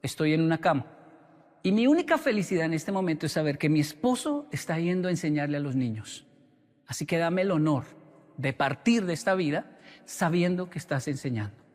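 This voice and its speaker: Brief: earnest bedridden wife, as a male speaker puts her on, soft and firm, reverberant hall. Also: fairly high pitch, big pitch swings, brisk. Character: gravely ill wife, gentle and firm.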